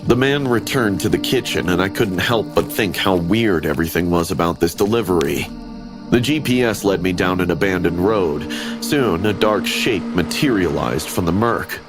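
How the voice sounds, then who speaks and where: A man with a very deep voice tells a horror story in steady, ominous scripted narration. Background music plays clearly under his words throughout. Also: moderate pace. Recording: animation audio with background music.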